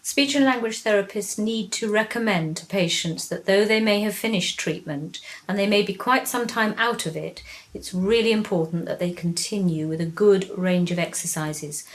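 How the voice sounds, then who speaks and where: A woman's voice: medium pitch, moderate pace. A woman health professional explaining advice in an instructive, fluent way. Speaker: health professional advising clinicians.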